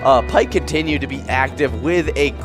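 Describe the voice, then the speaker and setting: A man's voice: medium pitch, normal speed, music in the background. A man hosting a casual live show, upbeat, laughing often and stumbling over words. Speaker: host.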